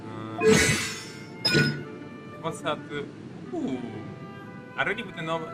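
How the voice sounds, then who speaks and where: A game streamer talks slowly in a slightly high voice with lively intonation, giving casual, rambling gameplay commentary. He mutters asides and swears now and then. Loud game music plays behind his voice.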